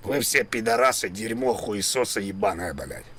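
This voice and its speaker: A man plays a cantankerous elderly factory worker hooked on tank games, husky and bright-toned. He swears nonstop and barks insults in comic stream role-play, every line belligerent. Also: lowish voice, moderate pace, voice pushed down. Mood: abusive. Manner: constant swearing, belligerent shouting. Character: foul-mouthed elderly male factory worker tank gamer.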